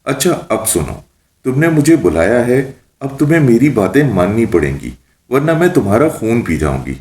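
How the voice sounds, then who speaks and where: A man's voice: mid-range voice, sing-song, darkish tone, close to an everyday voice. A man voicing a teasing, bossy female witch spirit who mocks and makes demands. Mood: threatening. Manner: mocking, playful, demanding. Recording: roomy echo.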